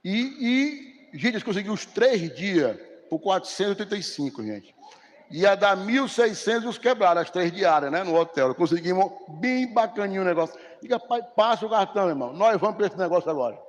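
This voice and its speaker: A man's voice: high-pitched, lively intonation, brisk. A male pastor, preaching conversationally and acting out little dialogues. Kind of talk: sermon. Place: church hall. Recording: reverberant church hall.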